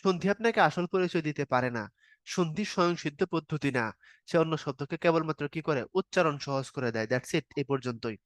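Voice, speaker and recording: Dry-voiced teacher explaining, fairly high man. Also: a little fast, dry recording. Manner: explains step by step, asks the students questions; informal spoken style, casual verb forms. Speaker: grammar teacher. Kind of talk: online exam-prep lecture.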